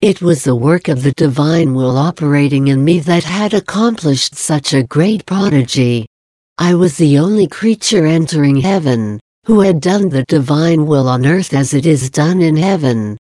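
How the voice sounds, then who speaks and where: A woman's voice: low voice, lively intonation, warm tone, no echo, clean studio sound. Mary, a woman reading as a tender heavenly mother. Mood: solemn. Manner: slow, solemn and tender. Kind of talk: devotional reading.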